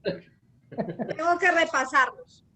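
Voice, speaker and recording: A woman answering a teacher's quiz questions in an online class, slow and hesitant. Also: high voice, lively intonation, pushed and bright. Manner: hesitant, slow, thinking aloud. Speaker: student in the class.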